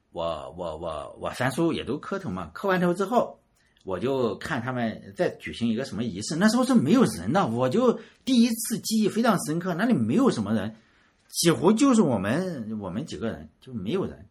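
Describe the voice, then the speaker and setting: A man from rural Shandong telling a personal story in a casual, animated way. He often repeats words and chuckles at himself. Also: mid-range voice, normal speed, husky. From Shandong, rural China.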